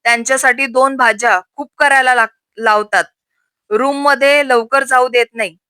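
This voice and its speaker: A woman's voice: sits high, fairly even intonation, moderate pace, sharp tone, clean tone, no echo. A woman voicing a nervous young married woman who speaks hesitantly about trouble at home. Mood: troubled.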